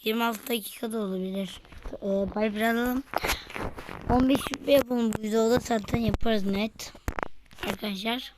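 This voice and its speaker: Hoarse woman chatting over gameplay. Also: on the high side, fairly even intonation, normal speed, noisy background. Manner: chatty, keeps addressing the viewers, mutters and whispers while playing. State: hoarse from illness. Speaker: gaming video host. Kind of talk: casual gameplay commentary.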